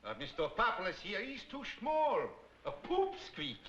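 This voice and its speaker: An actor playing a boastful German immigrant student with a German accent, bragging in broken English. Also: male voice, very high voice, huge pitch swings, normal speed, dull audio, exaggerated voice. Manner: pompous, bragging. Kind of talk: 1960s sitcom acting. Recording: hissy, roomy old TV soundtrack.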